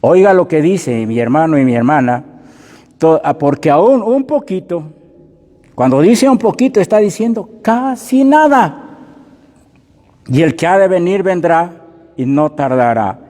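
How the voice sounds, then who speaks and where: A man delivers a sermon in a long, ringing reverb, and his voice sits fairly high but sounds mellow and dark. He speaks to his listeners as brother and sister. He slows down to stress the scripture he reads aloud. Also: animated. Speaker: preacher.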